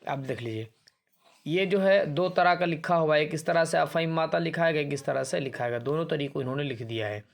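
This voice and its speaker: Male teacher, slightly higher voice, patient explainer who drags out example words and answers his own questions. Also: vocal fry. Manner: explanatory, repeats words slowly to demonstrate, asks and answers himself. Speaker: Quran reading teacher. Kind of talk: explaining a lesson on a primer chart.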